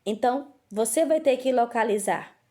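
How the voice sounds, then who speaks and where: A woman teacher with a bright, fairly high voice walks her pupils patiently through a lesson. She often poses questions and then answers them herself, one step at a time. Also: expressive, measured pace. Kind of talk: recorded remote lesson.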